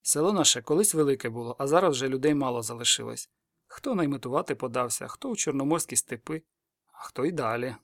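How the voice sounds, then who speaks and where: A man's voice: medium pitch, fast, vocal fry, hardly any pauses, dry recording, studio quality, lightly acted. A man reading the part of an old village witch woman, who rambles on in a breathless, muttering, incantatory flow.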